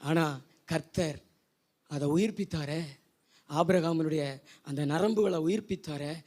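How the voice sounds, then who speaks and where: A man pastor, preaching at a church service and calling the congregation to repeat his phrases, moving from quiet urging to loud shouted declarations. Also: unhurried. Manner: high-pitched, repeats phrases for the congregation to echo. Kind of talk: Pentecostal sermon with call-and-response.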